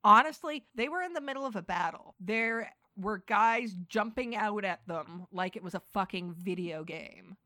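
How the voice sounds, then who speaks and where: A woman's voice: medium pitch, moderate pace, few pauses, pushed and bright, no echo. A woman co-hosting a casual podcast chat about a TV episode, chatty and laughing often. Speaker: podcast co-host.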